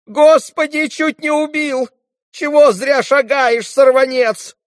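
A man's voice: extremely high pitch, steady tone, slow pace, dry recording, clean studio sound, pitched above the performer's own voice. A man voicing an old female servant who talks in a fussy, deferential way. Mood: startled scolding.

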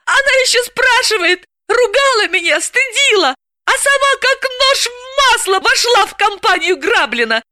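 A woman's voice: very high voice, big pitch swings, moderate pace, pushed and bright, dry recording, clean studio sound, pitched above the performer's own voice, exaggerated voice. A woman reader voicing a gleeful, mocking young female friend with a squealing manner. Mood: teasing.

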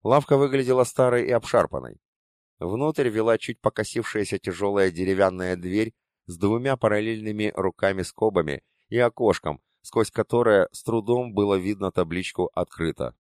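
A man reading a fantasy novel aloud in first person, with measured, even storytelling on a close studio mic. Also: lowish voice, no room sound. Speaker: audiobook narrator. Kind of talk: first-person audiobook narration.

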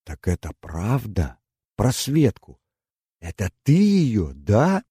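A man's voice: medium pitch, sing-song, slow pace, warm tone, dry recording, studio quality, pitched above the performer's own voice. A man voicing a tearful, desperate young woman who pleads breathlessly, her voice trembling, in a storybook reading. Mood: pleading.

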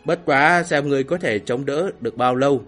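A male audiobook reader voicing a boastful, playful old cultivator who taunts in a slow, drawn-out way over faint music. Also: medium pitch, fairly bright tone, close to an everyday voice. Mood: gleeful. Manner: slow, drawn-out mocking laughter.

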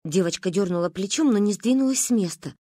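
A woman reading a children's story aloud in a lively, expressive way. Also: mid-range voice, fast talker, husky, no room sound, studio quality. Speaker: audiobook reader. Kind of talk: storybook narration.

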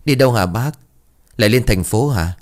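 A man voicing a dim, cheeky young male sidekick in a spoken ghost story, with a whiny, excitable voice. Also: normal speed, lightly acted. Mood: excited. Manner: whiny, excitable, high-pitched.

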